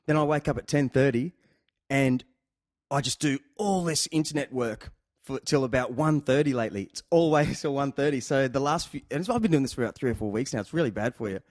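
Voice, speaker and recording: A man's voice: mid-range voice, brisk, a little mellow, dry recording, clean studio sound. An Australian man hosting a casual chat interview, talking in a rambling, joking and teasing way. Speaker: show host.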